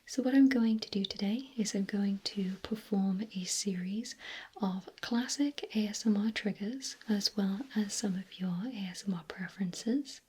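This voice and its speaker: A woman in a whispered role-play as a clinic examiner, speaking gently in a breathy, unvoiced whisper. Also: mid-range voice. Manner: slow, gentle, softly questioning. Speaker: ASMR performer playing a clinic examiner.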